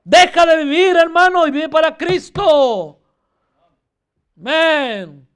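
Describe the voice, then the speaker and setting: Very high-voiced fervent male preacher. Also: slow, fairly bright tone. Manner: fervent, repeatedly addressing listeners as brother. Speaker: pastor. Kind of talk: sermon.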